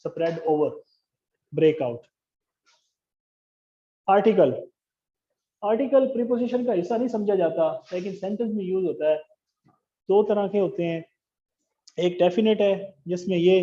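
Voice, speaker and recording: In a classroom lecture on English grammar, a man explains things step by step and puts questions to the class. His voice is high with a dark tone, captured in a dull lo-fi classroom recording.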